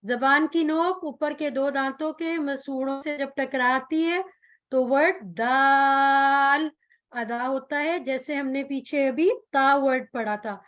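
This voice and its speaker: Woman, tajweed teacher, high voice, unhurried delivery, drawn-out model sounds. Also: lo-fi sound. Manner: patient, slow explanation with drawn-out model letter sounds. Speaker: Quran recitation teacher. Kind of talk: tajweed pronunciation lesson.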